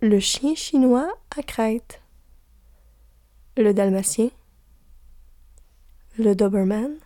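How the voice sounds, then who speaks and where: Slow soft-spoken Québécoise woman. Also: a little high, no echo, studio quality. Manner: soft, slow, drops to a whisper for asides. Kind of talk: slow list reading with asides.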